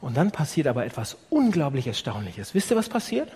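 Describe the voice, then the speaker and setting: A man preaching an animated sermon to his congregation, firing off rhetorical questions. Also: medium pitch, fairly quick, breathy edge. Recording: long reverb of a large hall.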